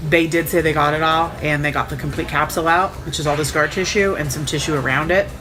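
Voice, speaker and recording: A woman's voice: low voice, fairly even intonation, fast talker. A woman sore and recovering from surgery tells her story casually, in a frank, wry, sarcastic way. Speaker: vlogger recounting own surgery. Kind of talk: casual first-person storytelling.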